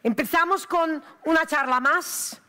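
Female conference MC, middle-aged, notably high voice, making stage introductions over a headset. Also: measured pace, pushed and bright. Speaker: event presenter.

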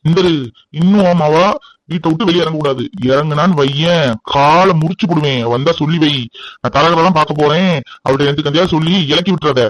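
A harsh, scolding cartoon village father, voiced by a man, fast and clipped with a slightly raised pitch. He barks threats at his family. The recording is dry and close. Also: no echo, close to an everyday voice, poor audio. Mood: angry scolding. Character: stern, angry village father, middle-aged. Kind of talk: cartoon voice acting.

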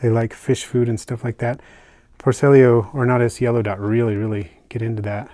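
Relaxed, chatty older man, dry close sound. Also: medium pitch, fairly quick, no room sound. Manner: relaxed, chatty, with fillers and soft asides. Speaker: isopod keeper unboxing purchases. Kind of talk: casual hobby vlog narration. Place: indoors at a table, hands on camera.

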